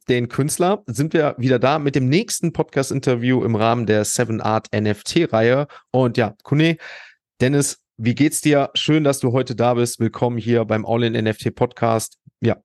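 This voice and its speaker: A man's voice: mid-range voice, moderate pace, a little mellow. Man, podcast host, enthusiastic, long rambling sentences, interview.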